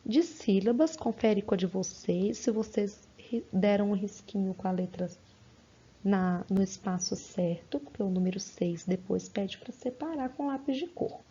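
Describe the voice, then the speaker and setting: Slow, patient teacher woman, husky. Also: medium pitch, mellow, highs cut off. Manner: patient, sounds out words syllable by syllable. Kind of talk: recorded lesson for young children.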